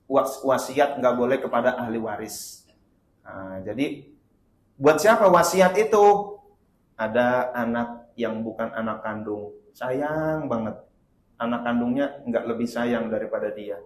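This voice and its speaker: A man preaching to a congregation in a voice of middle pitch. He tells his points like stories and swells loudly on the key words. The sound carries a roomy echo from a hall. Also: measured pace. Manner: lively storytelling, rising loudly for emphasis. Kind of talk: sermon.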